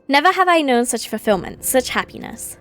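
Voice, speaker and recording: Woman reading as a gracious, high-voiced fantasy leader. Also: big pitch swings, brisk, soft background music. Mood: earnest. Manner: formal, stately wording. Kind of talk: reading video game dialogue aloud.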